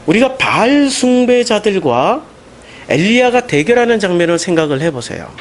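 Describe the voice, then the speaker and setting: A man preaching a Sunday sermon as pastor, animated and emphatic, with questions put to the congregation. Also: high-pitched, normal speed, slight background noise. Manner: animated, rising into emphatic questions and mocking quotes.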